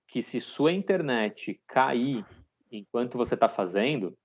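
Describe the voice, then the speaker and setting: A man in his thirties leads a live online programming class, explaining each step patiently and tagging his sentences with a checking "tá?". His voice sits at a middle pitch. The call audio is dull and lo-fi. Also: animated, a little slow. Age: 30s. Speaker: programming teacher.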